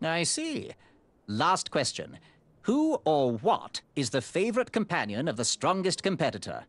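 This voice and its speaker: A man's voice: a little high, huge pitch swings, measured pace, heavily acted. An actor playing an officious, showy male tournament examiner in a video game.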